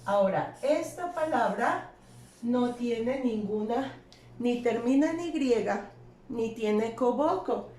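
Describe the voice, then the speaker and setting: A woman's voice: fairly high pitch, lively intonation, slow pace, dark tone. A woman teaching English grammar in an online lesson, explaining step by step and checking in with her students. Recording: echoey room, faint ambient noise.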